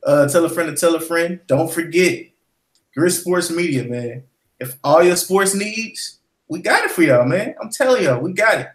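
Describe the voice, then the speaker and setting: Man, slightly high voice, relaxed rambling podcast co-host, roomy echo. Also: moderate pace. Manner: rambling, relaxed, full of shout-outs and fillers. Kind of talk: casual podcast chat.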